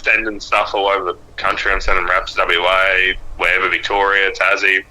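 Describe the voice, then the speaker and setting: A man with an Australian accent and a lowish, very sharp, bright voice. He talks casually as an interview guest, plain-spoken and a little hesitant as he works through his answers. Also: level tone, fairly quick, a little hiss or hum, rough recording. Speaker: guest, race driver and car graphics designer. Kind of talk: casual podcast interview chat.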